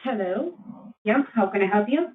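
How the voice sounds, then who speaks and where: A woman's voice: mid-range voice, animated, moderate pace. A woman sales agent answering a phone call politely and briefly. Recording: tinny phone line, faint hiss.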